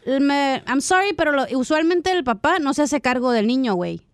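A high-voiced woman co-hosts a radio show from a dry studio. She talks fast and bluntly and packs her opinions with slang. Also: no room sound. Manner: blunt, slangy, says "güey". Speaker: radio co-host. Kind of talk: call-in radio talk.

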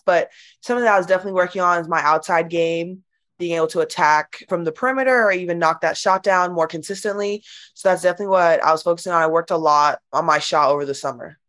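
Casual chatty young woman, slightly low voice, laughs easily, says like a lot. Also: fairly bright tone. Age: young adult. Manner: giggly, chatty, full of "like". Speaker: college basketball player. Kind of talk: casual interview.

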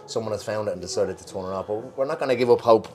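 A man's voice: fairly low pitch, rapid-fire, darkish tone, soft background music. An Irish man co-hosting a football show in casual chat, colloquial and wry. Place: pub in Liverpool. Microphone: worn mic.

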